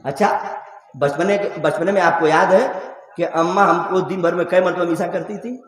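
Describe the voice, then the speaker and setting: A man from eastern Uttar Pradesh, India, with a Bhojpuri-influenced Hindi accent preaches an emotional religious sermon at a mosque gathering, telling stories and asking the crowd questions. His voice is high, steady in tone and moderately paced. It's heard through a PA in a reverberant hall.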